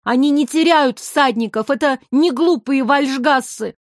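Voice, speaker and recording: Женщина озвучивает смелую властную девочку, которая кричит и спорит. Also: female voice, high-pitched, a little slow, no room sound, studio quality. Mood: defiant. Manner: shouting, defiant. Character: bold bossy girl riding a dragon.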